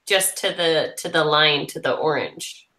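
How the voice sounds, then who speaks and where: A woman's voice: sits low, a little slow, pushed and bright. Young woman on an echoey video call. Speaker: student in a study group. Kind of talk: casual chat while working problems. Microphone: computer mic on a video call.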